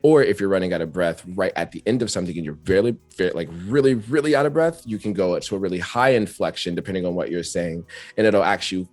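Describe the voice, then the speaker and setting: Deep-voiced man talking freely. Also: fast, a little mellow, dry recording. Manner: talkative, reflective, laughs often. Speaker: rapper guest. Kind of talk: casual interview chat.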